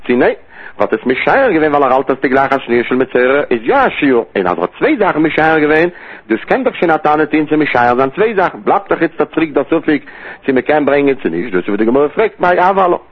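A man's voice: fairly high pitch, big pitch swings, fairly quick, breathy edge. A man giving a Talmud study lesson, his phrases lifting and falling in a sing-song study cadence. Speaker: Talmud teacher. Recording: tinny phone-line audio.

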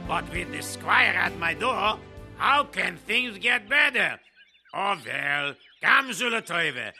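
A man doing a fretful gravelly mill worker. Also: sits high, very animated, slow, music in the background, exaggerated voice. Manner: fretful, exclaiming, pleading. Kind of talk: audio drama acting.

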